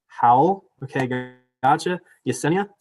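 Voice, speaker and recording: The young male student elections director moderating this video-call debate speaks at a moderate pace with a medium-pitched, darkish voice, and there is slight background noise. He chats apologetically, using many fillers, then formally reads out the rules of the live virtual debate.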